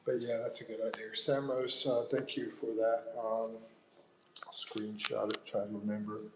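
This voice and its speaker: A man's voice: on the low side, little pitch movement, moderate pace, noisy background. A middle-aged American man hosting a livestream, casually reading viewer comments aloud and chatting back loosely, calling people "bro". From United States. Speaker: livestream host.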